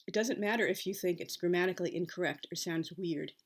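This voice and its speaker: A woman with a Pittsburgh accent giving informal explanatory talk as a writer, in a halting, rambling and opinionated way. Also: on the low side. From Pittsburgh, Pennsylvania, United States. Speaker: writer giving writing advice.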